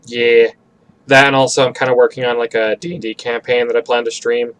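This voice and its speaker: A man's voice: mid-range voice, little pitch movement, a little fast, a bit bright, clear, resonant tone. A man chatting casually on a stream while drawing, rambling and swearing freely. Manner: rambling, profane.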